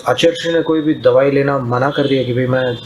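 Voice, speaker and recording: A man preaching a sermon, calmly telling a story and retelling its dialogue in plain speech. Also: mid-range voice, fairly quick, slight background noise, poor audio.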